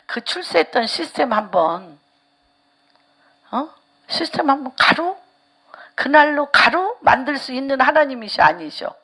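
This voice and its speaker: Animated woman pastor, lively high pitch. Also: unhurried, long pauses. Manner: animated preaching, drops to whispers for emphasis; asks the congregation rhetorical questions. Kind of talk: sermon. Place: church.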